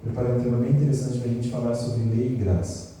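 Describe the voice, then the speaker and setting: A man's voice: medium pitch, quick pace, slight background noise. A man in his thirties from São Paulo with a São Paulo accent, teaching a Sabbath school Bible lesson and quizzing his class as he goes. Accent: Brazilian Portuguese, São Paulo. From São Paulo state, Brazil. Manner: asks the class questions and answers them, animated storytelling. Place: large church hall. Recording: echoey hall recorded from a distance.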